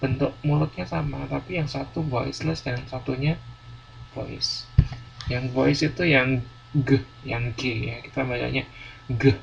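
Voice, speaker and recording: A man's voice: medium pitch, fairly even intonation, measured pace, vocal fry. A male university lecturer teaching a class, explaining patiently and repeating words with many fillers. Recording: dull lo-fi classroom recording, faint noise.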